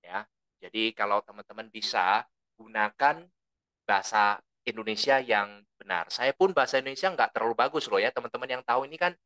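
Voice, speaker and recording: A man giving a presentation skills training, explaining in a relaxed lecturing manner and often tagging his sentences with a questioning "ya". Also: on the low side, a little fast, no room sound. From lived abroad for a long time. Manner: says his own volume tends to run loud.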